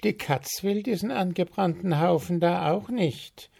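Male reader as amused little bird, high, dry humor, storybook tone. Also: measured pace, vocal fry, darkish tone, heavily acted. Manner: wry, amused. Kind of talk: storybook reading.

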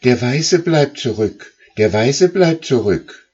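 A man voicing a flock of wild geese who call out again and again in high, shrill tones from the back of the flock. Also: expressive, slow, darkish tone, breathy edge, highs cut off. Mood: urgent calling. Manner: shrill repeated calls.

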